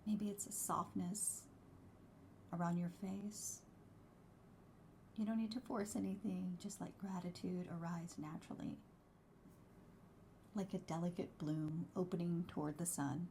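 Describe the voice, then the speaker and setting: Soft, hushed woman guiding a meditation, mellow. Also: on the low side, fairly even intonation, slight background noise. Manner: soft, hushed, breathy delivery, soothing and unhurried, at times near whisper. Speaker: host, wellbeing coach and meditation guide. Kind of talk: guided meditation.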